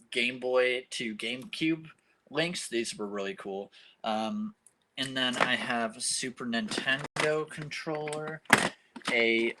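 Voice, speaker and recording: A young man talks loosely at home with plenty of ums and uhs, recorded on a phone camera. His voice sits at an ordinary middle pitch. A faint hiss runs underneath. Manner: rambling, many ums and uhs. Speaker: vlogger showing his game room. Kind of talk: casual show-and-tell. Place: at home in a game room.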